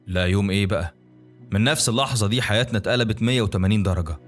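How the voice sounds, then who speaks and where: Casting note: Egyptian man, horror story narrator, very rapid delivery, music bed behind. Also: mid-range voice, fairly bright tone. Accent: Egyptian Arabic. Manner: rapid, colloquial, conversational. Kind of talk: dramatic first-person story narration.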